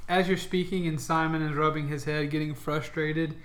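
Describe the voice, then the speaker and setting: A man runs a tabletop game, improvising his narration. His voice sits a little high for a man and has a bright edge. The room around him is audibly echoey. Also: level tone, normal speed. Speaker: game master. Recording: roomy, echoing room sound.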